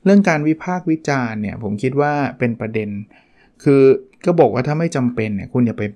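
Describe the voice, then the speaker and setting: A man's voice: medium pitch, expressive, quick pace, a little mellow. A man hosting a book review podcast, talking casually and acting out short quoted examples along the way. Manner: chatty, acts out little quoted examples. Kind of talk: casual solo podcast talk.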